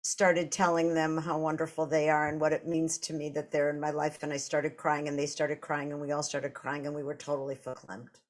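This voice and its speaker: A woman's voice: low-pitched, little pitch movement, fairly quick, hardly any pauses. A woman in her sixties with a Boston accent, co-hosting a live podcast, telling stories with playful asides. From Boston area, US. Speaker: podcast co-host.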